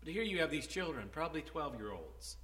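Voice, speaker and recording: A man preaching a conversational sermon, retelling a Bible story with soft asides and loud, emphatic peaks. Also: on the high side, sing-song, brisk. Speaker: pastor.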